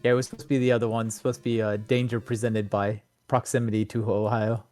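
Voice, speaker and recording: A man's voice: fairly low pitch, little pitch movement, fast talker, darkish tone, faint music behind. A man commentating on a live race stream, laid-back and joking. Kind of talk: casual race commentary chat.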